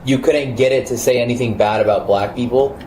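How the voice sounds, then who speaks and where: Mellow-voiced man in a roomy echo. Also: mid-range voice, fairly quick, slight background noise. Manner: animated, emphatic, swears. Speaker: podcast host. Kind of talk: casual podcast chat.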